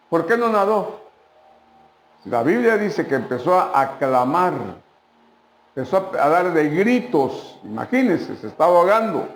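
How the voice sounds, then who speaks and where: A man, a pastor preaching a sermon in an emphatic, repetitive way and speaking directly to his listeners. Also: fairly high pitch. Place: church. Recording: echoey church hall.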